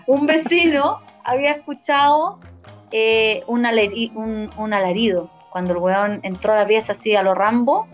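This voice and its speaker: A young woman with a Chilean accent casually retelling a story to a friend, animated and full of slang, laughing often. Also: a little high, a little slow. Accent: Chilean Spanish. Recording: muffled lo-fi with faint music.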